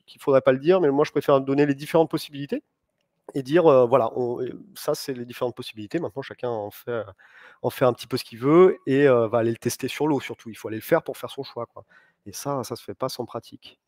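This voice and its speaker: A man's voice: mid-range voice, fast, darkish tone. A man in his thirties speaks at an indoor conference as a sailing instructor, explaining step by step with frequent hesitations. His voice sounds dry and close, with little room echo. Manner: thoughtful, explanatory, with fillers. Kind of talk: conference talk. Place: large sailing showroom, indoors.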